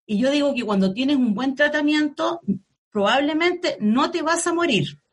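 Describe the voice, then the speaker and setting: A Chilean woman journalist recounting her illness in an interview, halting and searching for words. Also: high voice, lively intonation. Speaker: journalist guest. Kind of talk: emotional personal interview.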